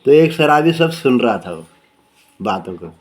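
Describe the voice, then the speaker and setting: A man telling a folk story in casual speech, rambling and repeating himself, losing his thread and circling back, with quick pitch jumps when he quotes characters. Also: sing-song. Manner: rambling, repeats "bola" often, loses track and circles back.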